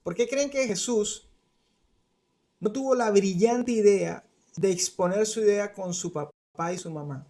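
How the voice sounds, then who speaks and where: Animated preacher, gravelly and dark. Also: male voice, high-pitched, measured pace. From Colombia. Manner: animated, conversational preaching with playful asides. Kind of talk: sermon to parents and youth. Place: studio.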